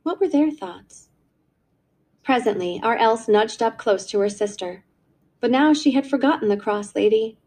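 Expressive woman reading a short story. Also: on the high side, moderate pace. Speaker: narrator. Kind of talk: scripted story narration.

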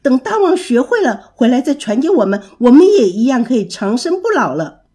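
A woman voicing a group of excitable little monkeys in a children's storybook reading. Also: sits high, a little fast, slightly rough, heavily acted. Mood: eager.

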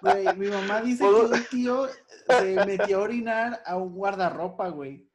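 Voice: medium pitch, moderate pace, a crowd in the background. A speaker with a Mexican Spanish accent who laughs often, telling a story in slangy, casual chat. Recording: clearly noisy with clicks.

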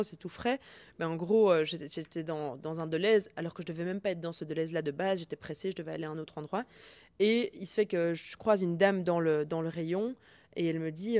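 A woman's voice: on the low side, no room sound. Chatty young woman telling stories. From Belgium. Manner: lively, many restarts, animated quotes. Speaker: guest, founder of a student dating group. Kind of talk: casual storytelling.

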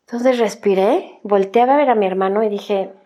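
Her medium-pitched voice is warm and moderately paced, though the audio sounds dull. With a Mexican accent, she shares her life story candidly and conversationally, sprinkling in frequent "o sea" and "¿no?" tags.

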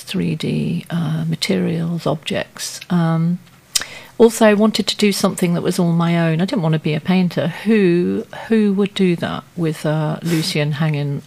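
A woman's voice: deep voice, creaky, darkish tone. A woman sculptor answering questions in a radio studio interview, speaking hesitantly with many fillers as she thinks aloud.

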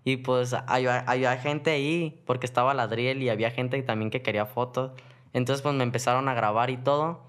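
A man with a Mexican accent, a guest telling stories in a relaxed, slangy, rambling way. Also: mid-range voice, brisk. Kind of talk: casual storytelling.

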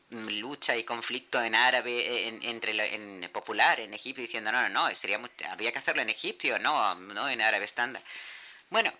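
A woman interpreting a lecture, speaking haltingly with frequent restarts and self-corrections. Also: very deep voice, sharp tone. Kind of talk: interpreted lecture on language and literature. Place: lecture hall.

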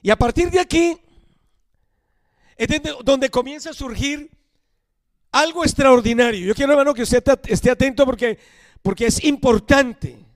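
High-voiced emphatic older preacher man. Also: dry recording. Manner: emphatic, slows and drops to a hush on key phrases. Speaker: missionary preacher. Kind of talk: sermon.

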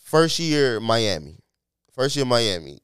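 A man's voice: mid-range voice, sing-song, takes it slowly, fairly bright tone, smooth, dry recording, studio quality. A man co-hosting a podcast, debating sports casually in profane, argumentative slang. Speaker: podcast co-host.

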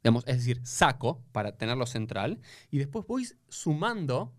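A man with an Argentine Spanish accent, a rabbi talking in a casual conversation, explaining with animated restarts. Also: mid-range voice, normal speed, no room sound, clean studio sound.

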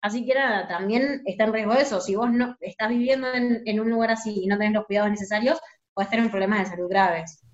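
A young woman with a Rioplatense Spanish accent, a guest in a casual interview who talks loudly and tells stories in a lively way. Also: mid-range voice, fast, dull audio. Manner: loud, lively storyteller.

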